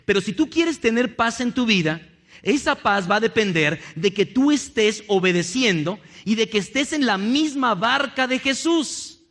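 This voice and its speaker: A man preaching a lively sermon in a church, acting out little scenes and joking with the congregation. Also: high voice, normal speed. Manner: animated, acts out little scenes and jokes with the congregation. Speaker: pastor.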